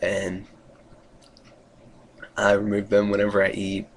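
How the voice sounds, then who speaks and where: Low, monotone man with gravelly fry. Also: slow pace, slight background noise. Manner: rambling, hesitant, trailing off. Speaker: vlogger giving a recovery update. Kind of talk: casual video diary.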